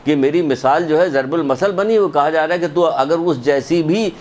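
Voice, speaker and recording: A man's voice: a little high, darkish tone, close to an everyday voice. A man voicing a pleading repentant young woman.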